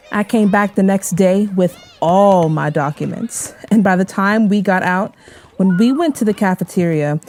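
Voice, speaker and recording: A woman in her twenties from San Diego, an activist telling her story in an earnest, measured way. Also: mid-range voice, mellow. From San Diego, USA. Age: 20s. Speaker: youth activist. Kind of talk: personal testimony interview.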